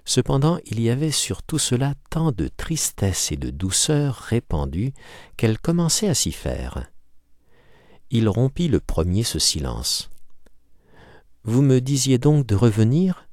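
A man's voice: lowish voice, huge pitch swings, unhurried, no echo, studio quality. A man narrating a classic novel as an audiobook, reading expressively. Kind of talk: scripted literary narration.

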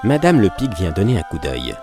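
A man reading a story aloud with lively, acted-out narration. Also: sits low, a little fast, over loud music. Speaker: audiobook reader. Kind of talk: expressive literary reading.

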